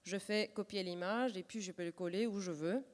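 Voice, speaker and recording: A woman with a Turkish accent, a native Turkish speaker, presenting an improvised live software demonstration and hesitantly searching for words. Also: mid-range voice, normal speed. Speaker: workshop presenter. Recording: echoey hall with long reverb.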